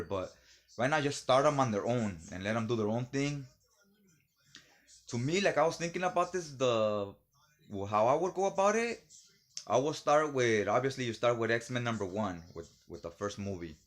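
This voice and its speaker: Male vlogger, casual commentary, rambling, slightly tipsy, mid-pitched voice. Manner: rambling, loose and conversational. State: a little tipsy from drinking. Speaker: video host.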